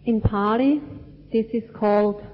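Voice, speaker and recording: Slow, measured woman teaching in a reverberant hall. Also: on the high side, fairly even intonation. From Switzerland. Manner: slow, measured, deliberate phrasing. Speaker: Buddhist teacher. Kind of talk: dharma talk. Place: cinema hall. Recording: dull lo-fi recording with long hall reverb.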